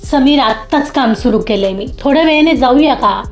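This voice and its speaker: A woman's voice: sits high, lively intonation, moderate pace. A woman voicing a caring, outspoken young woman office worker who talks firmly. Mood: calm. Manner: firm, outspoken. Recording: dull lo-fi audio with faint music.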